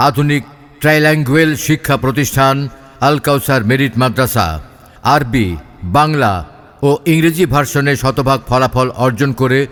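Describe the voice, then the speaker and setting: A man with a Bangladeshi accent delivers a formal, declamatory advertising announcement. His voice is on the low side, and long hall-like reverb trails his words. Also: a bit bright. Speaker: announcer for a school admission advertisement. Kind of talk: scripted promotional announcement.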